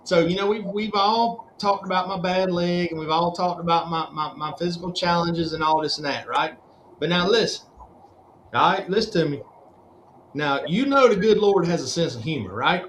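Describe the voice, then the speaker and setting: A talkative man with a fairly high voice tells rambling stories and keeps calling everyone brother. He is heard from an echoey room over a call. A faint hiss sits under his voice. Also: moderate pace, a bit bright. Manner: rambling storyteller, calls people brother. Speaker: guest drag racer. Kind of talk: casual chat.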